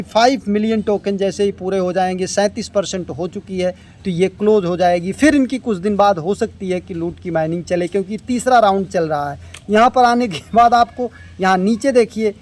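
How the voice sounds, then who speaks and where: A man with a notably high voice for a man leads a screen-recorded app tutorial. He explains each tap and step in an instructive way, with English technical words dropped in. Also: darkish tone. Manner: step-by-step instructive, mixing English terms into Hindi. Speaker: crypto earning tutorial host.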